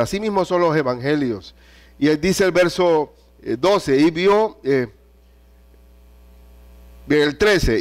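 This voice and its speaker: A man delivering a sermon in a somewhat high voice. He reads scripture aloud with animated emphasis. He puts pointed questions to his listeners. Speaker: preacher.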